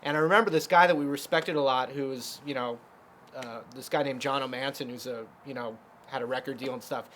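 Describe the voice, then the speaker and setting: A man's voice: mid-range voice, fairly even intonation, fairly quick, a bit bright, a little hiss or hum. A man teaching a casual guitar lesson, explaining chords step by step with lots of fillers.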